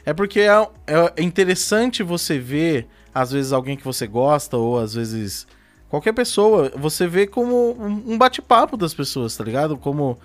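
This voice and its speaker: A man's voice: fairly high pitch, very animated, normal speed, faint music behind. A man hosting a casual podcast chat, laid-back and full of slang. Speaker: podcast host.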